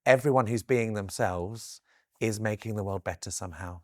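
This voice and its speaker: Male interview guest, storyteller type. Slightly low pitch, effusive emphatic delivery, very dry sound. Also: normal speed, darkish tone, dry recording. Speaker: guest author and children's storyteller. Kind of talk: animated interview chat.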